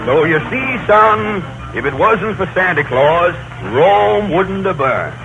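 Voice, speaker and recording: An actor playing a grumpy, folksy old Santa Claus in 1930s radio comedy, with rustic, ungrammatical speech. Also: male voice, sits high, expressive, slow, gravelly, dull audio, over music, full character voice. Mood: complaining. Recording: noisy 1930s radio broadcast recording.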